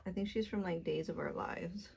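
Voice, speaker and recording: A woman's voice: lowish voice, normal speed, creaky, darkish tone, slight background noise. A young woman chatting casually with her sister during a makeup session, playful and teasing. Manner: playful, teasing, laughs easily. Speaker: co-host, sister. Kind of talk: casual get-ready-with-us chat.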